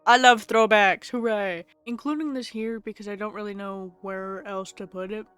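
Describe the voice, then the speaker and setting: Gushing woman video essayist, mid pitch. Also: normal speed, clear, resonant tone, no echo, faint music behind. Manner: gushing, exclamatory, bursts of loud excitement. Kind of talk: excited reaction commentary.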